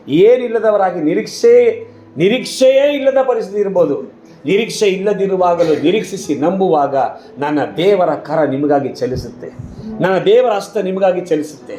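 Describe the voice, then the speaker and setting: A man's voice: sits high, lively intonation, moderate pace, mellow, echoey room. A male pastor preaching a sermon with fervent, repetitive exclamations that rise and build.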